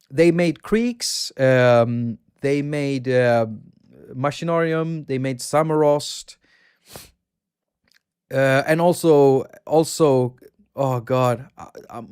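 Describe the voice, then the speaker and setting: Fairly high in pitch yet darkish, his voice is clear and resonant. He's a livestream host from Sweden with a Swedish accent, rambling chattily about games, reading out chat, and laughing often.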